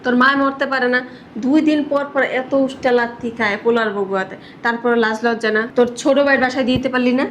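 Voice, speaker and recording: An actress playing a spiteful young wife who insults and shouts at her husband about his mother. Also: fairly high pitch, quick pace, a little hiss or hum, close to an everyday voice. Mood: scornful.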